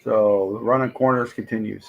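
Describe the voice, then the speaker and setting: A man hosting a live stream, hoarse and losing his voice, reacting to draft picks and answering his chat in casual commentary. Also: on the low side, steady tone, normal speed, narrow, tinny audio. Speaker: livestream host.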